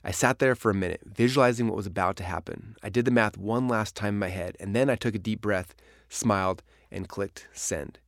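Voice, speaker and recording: A man's voice: lowish voice, a little fast, no echo, clean studio sound. A man reading his own memoir aloud in a storytelling manner. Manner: storytelling, dramatic in places. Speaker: narrator. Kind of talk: memoir audiobook narration.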